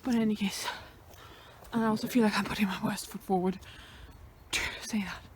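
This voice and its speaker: Slightly breathless, a young hiker rambles to herself for her vlog while walking a country road next to a fenced field, swearing lightly amid passing traffic. Her mid-range voice is fairly even in intonation and a little fast, with a bit of hiss or hum.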